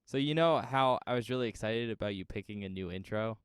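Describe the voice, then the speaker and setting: A man's voice: on the low side, a little fast, smooth, dry recording, clean studio sound. A man co-hosting a casual horror podcast, talking in a laid-back, teasing way and laughing often. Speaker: podcast co-host. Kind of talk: casual chat.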